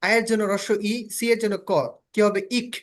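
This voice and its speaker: A man's voice: high-pitched, level tone, fairly quick, a little hiss or hum. A Bangladeshi man whose first language is Bengali, teaching a step-by-step phonics lesson, drilling letter sounds and checking in with students often. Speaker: spoken English teacher.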